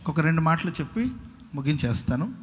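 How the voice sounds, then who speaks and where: A man's voice: on the high side, very animated, brisk, a little hiss or hum. A man preaching a sermon as pastor, repeating his words for emphasis and leading the congregation to read verses back after him. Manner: emphatic repetitive preaching, leads congregation in reading verses aloud.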